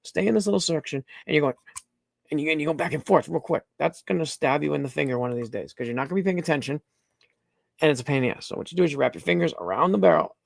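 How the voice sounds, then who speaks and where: A man's voice: on the high side, creaky, no room sound, studio quality. A middle-aged man hosting a casual livestream, talking bluntly, rambling and swearing freely as he demonstrates things. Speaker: livestream host.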